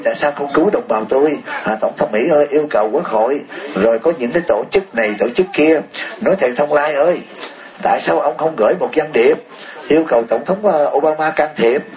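A man giving an impassioned political talk, firing rhetorical questions at his listeners and chuckling often. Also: mid-range voice. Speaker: speaker addressing an audience.

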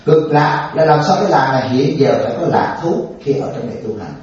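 A man's voice: fairly high pitch, expressive, fairly quick. A man, a Buddhist monk giving an informal dharma talk in a folksy, joking way, often laughing and checking in with his listeners. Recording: distant, echoey, dull lo-fi with faint hiss.

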